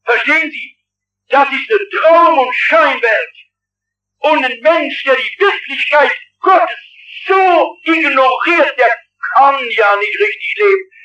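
A man in his fifties or older, a pastor with a Swabian accent, preaching an impassioned sermon with bursts of shouting. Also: very high voice, takes it slowly, muffled recording. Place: large dark hall with an audience. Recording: old radio recording from far off the mic.

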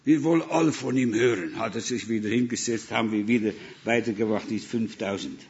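Preaching in German with a Dutch accent, this man from the Netherlands weaves missionary anecdotes into his sermon and performs the dialogue himself. He speaks briskly in a fairly low, darkish voice, and the recording is muffled.

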